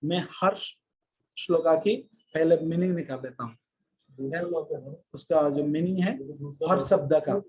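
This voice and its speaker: A man giving a devotional lesson over a video call, explaining patiently and chanting Sanskrit verses slowly in a sing-song tune. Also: fairly high pitch, a little mellow, slightly rough, low-quality recording. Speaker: presenter teaching shloka memorisation. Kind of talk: devotional teaching talk.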